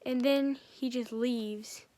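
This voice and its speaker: A woman with a slightly raised pitch talks through a film's story as a casual reviewer. She rambles, restarts and links every beat with "and then", keeping it loose and conversational. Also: fairly even intonation, slow, warm tone, no room sound. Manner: rambling, strings events together with "and then". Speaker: film reviewer. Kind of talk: casual film recap.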